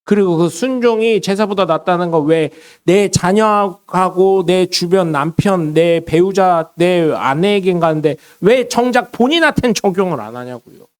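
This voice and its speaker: A male pastor preaching a sermon, telling stories with acted quotes and swinging between loud lines and hushed ones. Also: sits high, moderate pace, hardly any pauses, smooth.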